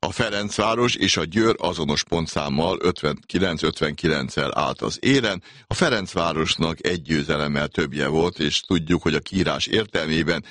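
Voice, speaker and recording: A man's voice: very deep voice, hardly any pauses, a bit bright, no room sound, studio quality. A man reading a scripted football season recap as a voice-over. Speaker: sports narrator.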